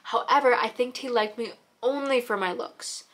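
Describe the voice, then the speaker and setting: A teenage young woman with a fairly high voice. She talks casually and earnestly, like a host reading out submissions and offering encouraging advice. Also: moderate pace. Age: teens. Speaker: host reading viewers' confessions and giving advice.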